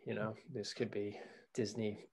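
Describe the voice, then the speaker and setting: A man co-hosting a podcast, talking about films in a halting way with many fillers. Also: lowish voice, level tone, a little mellow. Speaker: podcast co-host. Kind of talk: casual film discussion.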